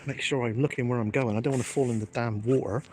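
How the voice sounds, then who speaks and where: A man's voice: mid-range voice, fairly even intonation, fast, noisy background. A man, live-streaming from his phone outdoors by the water, chatting casually with his viewers in a cheeky, joking, self-mocking way. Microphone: phone held in hand.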